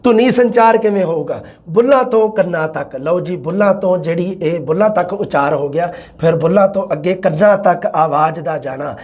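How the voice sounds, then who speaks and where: A man's voice: high-pitched, brisk, few pauses, darkish tone. A male teacher with a Punjabi accent giving an exam-prep lecture, asking rhetorical questions and acting out his students' answers.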